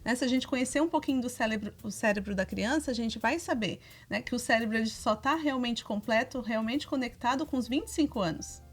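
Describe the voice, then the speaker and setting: Lively high-voiced woman. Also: brisk, few pauses, husky. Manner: animated, acts out quoted dialogue with her children. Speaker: co-host.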